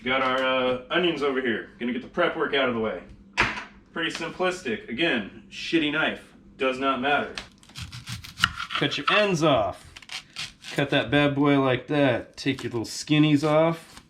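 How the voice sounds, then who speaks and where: Sweary sarcastic guy doing a casual cooking video in his kitchen, average pitch, bit of noise behind. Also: measured pace. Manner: foul-mouthed, sarcastic. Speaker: host of a cooking vlog. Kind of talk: casual cooking demonstration, talking while working. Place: home kitchen.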